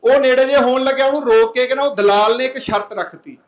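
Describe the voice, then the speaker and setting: At a public anti-drug meeting in a village, a man makes an earnest, plain-spoken speech, exhorting the crowd with rhetorical questions and a folk parable. His voice is very high and he talks fast, in an echoey room.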